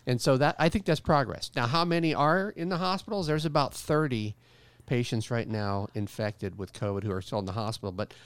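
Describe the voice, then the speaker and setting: A man with a smooth, resonant voice, chatting in a relaxed, upbeat way. He explains things with plenty of restarts and the odd joke. The sound is dry and close. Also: medium pitch, a little fast, few pauses, no echo. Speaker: co-host giving local health updates. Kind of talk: casual chat.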